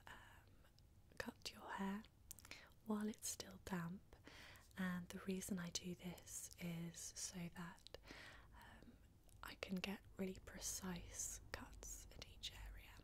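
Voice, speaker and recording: Slow-whispering woman, close-mic ASMR. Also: on the low side, level tone. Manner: soft, unhurried, reassuring with many fillers. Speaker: ASMR creator playing a hairdresser.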